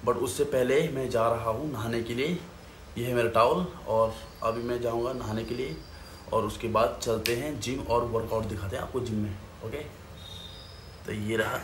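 A man in his thirties, a fitness vlogger, chats casually to his phone camera held at arm's length, explaining his routine step by step and slipping in English phrases. He starts in a small room at home, then moves to a gym. His voice is mid-range, and the echoey recording has music and slight noise behind it.

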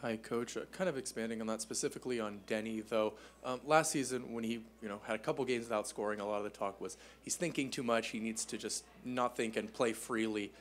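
Fast-talking reporter asking a question. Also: male voice, medium pitch. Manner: casual, rambling question with fillers. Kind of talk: press conference question.

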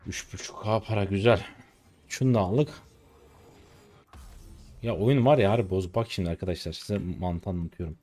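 A man's voice: low-pitched, normal speed, pauses often, a little mellow. Irritated man ranting over a game stream. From Turkey. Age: 20s. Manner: irritated, ranting, swears at teammates. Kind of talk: live gameplay commentary.

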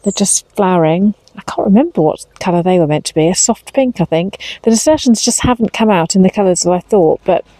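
A woman's voice: mid-range voice, animated, a little fast, hardly any pauses, warm tone, no room sound, rough recording. Chatty English woman gardening outdoors. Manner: chatty, slightly anxious, talks while working. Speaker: vlogger. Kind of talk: casual garden vlog. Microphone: lapel mic.

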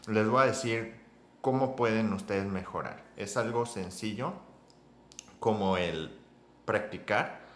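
Low-voiced man teaching in a roomy echo. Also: a bit bright, slight background noise. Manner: chatty, addresses viewers as chicos and amigos, frequent ok. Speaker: English teacher. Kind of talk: casual spoken lesson.

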